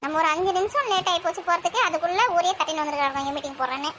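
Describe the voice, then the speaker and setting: A woman, grumbling and gossiping loudly in a comic village sketch. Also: very high-pitched, very fast, a little hiss or hum. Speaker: comedy sketch performer.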